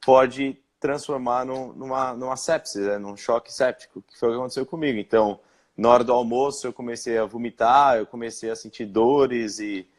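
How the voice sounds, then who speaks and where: A young man from Brazil speaking in a live-stream interview, recounting his experience with many pauses, fillers and restarts. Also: mid-range voice, fairly even intonation. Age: young adult. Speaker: interviewed guest.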